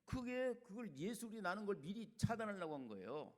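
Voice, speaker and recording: An older man preaching a sermon as a retired senior pastor, colloquial and chatty, swinging between loud emphatic lines and quiet asides. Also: high-pitched, big pitch swings, a little fast.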